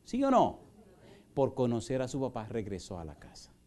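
Male pastor, middle-aged, fervent church sermon, rhetorical questions, loud to hushed, warm mellow tone, mid pitch. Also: wildly swooping pitch, moderate pace. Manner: impassioned, rhetorical questions, shifts from loud preaching to soft pleading. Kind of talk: evangelistic sermon with altar call. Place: church in Houston, Texas.

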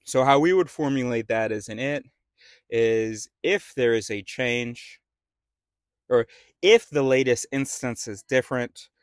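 A man's voice: medium pitch, a little slow, dry recording, clean studio sound. A man in a casual spoken monologue, rambling and often stopping to restart his sentences. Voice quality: rambling, self-interrupting.

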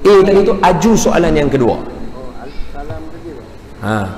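A man with a northern Malaysian accent giving a lively, humorous lecture in a large mosque hall, acting out little dialogues as he teaches. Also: fairly high pitch, a little slow. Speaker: religious lecturer. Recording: echoey hall with faint background hum.

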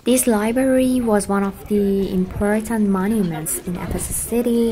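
A woman's voice: mid-range voice, mellow. A woman in her thirties from Iran, not an English speaker, giving a chatty, curious walking tour of ancient ruins outdoors into a handheld camera. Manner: chatty, curious, nonnative phrasing. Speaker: travel vlogger. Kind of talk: walking travel vlog tour. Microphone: camera held at arm's length.

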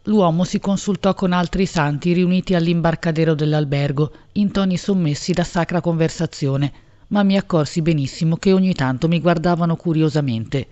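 A woman reads a literary novel aloud at a measured pace, shaping each phrase expressively. The recording sounds slightly dull and lo-fi. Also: sits low, mellow. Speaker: audiobook narrator. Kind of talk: literary audiobook narration.

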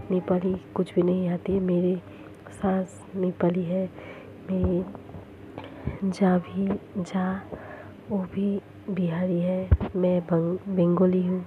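A woman with a Bengali accent and a hoarse voice from a cold, chatting haltingly in a vlog from her home kitchen, often stopping to search for words. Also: on the low side, noisy background. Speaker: lifestyle vlogger. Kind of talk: casual vlog chat.

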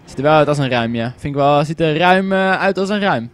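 A young man giving casual, joking let's play commentary, excitable and quick to swear and shout at the game. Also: a little high, smooth. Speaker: gaming commentator.

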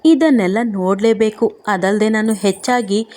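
Woman voicing Rush, a gruff teasing husband. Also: medium pitch, normal speed, a little mellow, natural voice. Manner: mocking, scolding banter.

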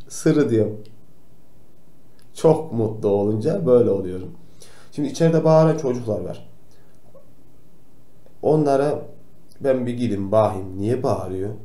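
A man playing a kindly old grandpa doctor who gently tells noisy children to stay quiet, in a comic role-play for kids. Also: mid-range voice, close to an everyday voice. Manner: gentle, admonishing, talks straight to the kids. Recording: roomy echo.

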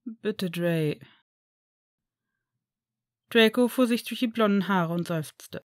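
A woman's voice: medium pitch, normal speed, dry recording. Woman reading a story in a dry room. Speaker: audiobook reader. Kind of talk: reading fan fiction aloud.

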